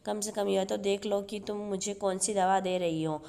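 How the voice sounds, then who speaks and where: A woman hosting her own channel, reading a TV serial episode recap in a steady read-through and reading the characters' dialogue in her own voice. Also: medium pitch, moderate pace, gravelly. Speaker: YouTube channel host.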